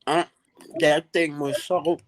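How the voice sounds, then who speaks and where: A woman from Brooklyn chatting on a podcast, telling animated stories and laughing often. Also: low-pitched, slow, crowd noise. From Brooklyn, New York. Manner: animated storyteller, laughs and plays voices. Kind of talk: casual chat. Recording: noisy recording.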